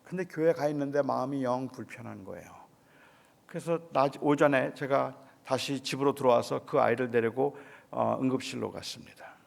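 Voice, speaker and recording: A middle-aged male pastor preaching at a dawn service in a church, telling a personal story in a quiet, hushed way. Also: mid-range voice, moderate pace, vocal fry, long reverb tail. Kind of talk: sermon at a dawn revival service. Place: church sanctuary.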